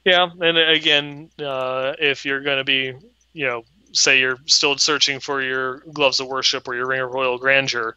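A man's voice: medium pitch, pushed and bright, clear, resonant tone, dry recording, highs cut off. A man co-hosting a podcast, explaining game items at length in a casual chat. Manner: explains game details at length, many restarts. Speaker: podcast co-host.

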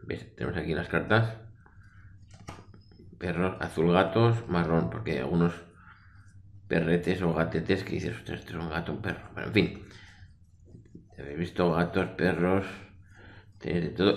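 A man's voice: low-pitched, moderate pace, long pauses. A middle-aged man with a Spain Spanish accent casually explains game rules in a rambling, colloquial way. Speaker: board game reviewer. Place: small room indoors. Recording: roomy echo.

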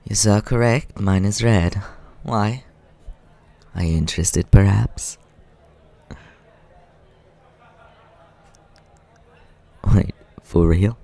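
Man playing Scaramouche, a deep, creaky, suave vampire. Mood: flirtatious, teasing. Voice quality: low, creaky, soft. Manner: unhurried, smooth-mannered, teasing. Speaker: ASMR roleplay performer. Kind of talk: soft ASMR roleplay, addressing the listener.

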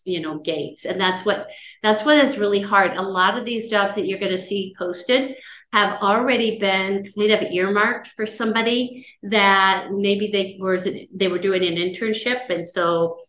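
A middle-aged woman with a loud, medium-pitched voice gives a casual lecture on job searching as a career-services talk, chatty and conversational and often checking in with her listeners. She's indoors in an office on a video call, and the audio sounds roomy.

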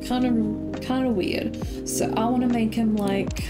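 A woman's voice: fairly high pitch, steady tone, measured pace, over loud music. A woman streaming a game, chatting affectionately and playfully with her viewers. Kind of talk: casual live-stream chat. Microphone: desk mic.

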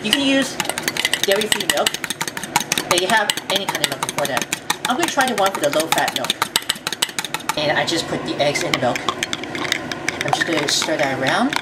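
A woman's voice: low-pitched, expressive, brisk, long pauses. A woman hosting a home cooking demonstration, talking step by step through each ingredient in a chatty, repetitive way. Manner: step-by-step, chatty, repeats phrases. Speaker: cooking show host. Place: home kitchen. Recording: distant mic, loud room noise.

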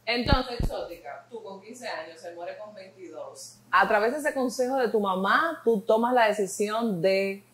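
A woman's voice: mid-range voice, moderate pace, hardly any pauses, fairly bright tone. A woman hosting a casual interview, chatty and prompting her guest with questions. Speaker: interview host. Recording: echoey room.

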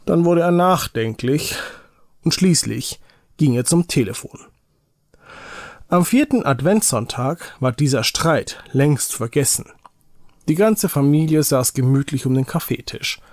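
A man reading an Advent story for small children aloud, slowly and with care, in a home recording. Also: mid-range voice, no room sound, clean studio sound.

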